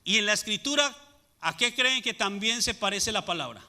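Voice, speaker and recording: A man's voice: high voice, expressive, normal speed, bright, forceful tone. A man preaching a sermon as pastor, asking the congregation rhetorical questions and answering them. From Latin America.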